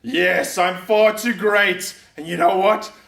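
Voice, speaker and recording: A man playing booming, taunting giant Goliath. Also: fairly even intonation, slow pace, gravelly, a bit bright, full character voice. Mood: hungry menacing. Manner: booming, taunting, laughs a lot. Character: boastful hungry male giant warrior. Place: church room. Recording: roomy sound from a distant mic.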